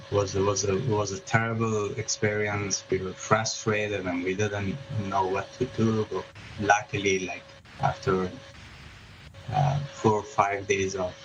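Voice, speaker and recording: Guy, real low monotone voice, stops and restarts a lot, muffled noisy call line. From Afghanistan. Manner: hesitant, many fillers and restarts. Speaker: journalist, interview guest. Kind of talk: remote news interview. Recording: muffled remote line with background noise.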